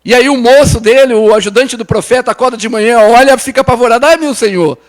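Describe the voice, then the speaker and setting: High-voiced Brazilian pastor preaching. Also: male voice, steady tone, quick pace. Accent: Brazilian Portuguese, São Paulo. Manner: restarts and repeats words, asks the congregation "né?"; swings from raised urgent lines to soft low ones. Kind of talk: sermon.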